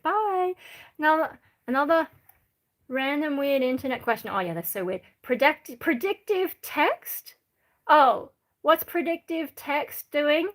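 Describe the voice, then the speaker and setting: A woman's voice: high voice, fairly bright tone. An Australian woman chatting casually on a livestream, reading out viewer questions in a blunt, irreverent, rambling way. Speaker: live streamer.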